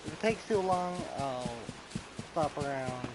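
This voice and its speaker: A man's voice: a little high, lively intonation, measured pace, loud music behind the voice, poor audio. A tired man giving casual gameplay commentary, rambling and trailing off mid-sentence. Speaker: let's play host. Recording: loud background noise.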